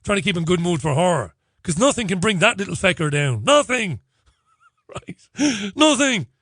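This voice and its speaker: A man's voice: high voice, animated, normal speed, fairly bright tone, husky, no echo, studio quality. Sardonic man on talk radio. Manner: sardonic, laughs often, mock phone-call banter. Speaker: radio talk show host. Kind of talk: solo talk radio monologue.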